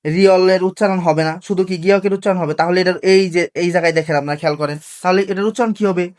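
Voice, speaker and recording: A teacher gives a video lesson. They explain rules slowly and keep asking rhetorical questions before answering them. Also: medium pitch, fairly even intonation, darkish tone. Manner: asks rhetorical questions and answers them, repeats key points; slow, careful drilling of pronunciation rules. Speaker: language teacher. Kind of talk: classroom-style video lesson.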